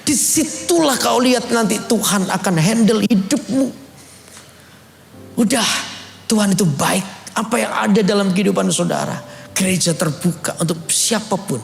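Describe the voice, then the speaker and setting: A man's voice: sits high, normal speed, creaky, roomy sound. A male pastor, preaching a sermon and acting out the dialogue as he tells his story. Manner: animated storytelling, acts out dialogue, calls for amens. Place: church service.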